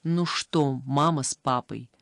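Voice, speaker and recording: A woman's voice: a bass voice, slow, vocal fry, no room sound, studio quality, voice pushed down, heavily acted. A woman voicing a sensible, bossy older sister who is a thirteen-year-old girl in an audiobook. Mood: reasoning. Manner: reasoning, scolding, matter-of-fact. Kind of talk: audiobook character voice.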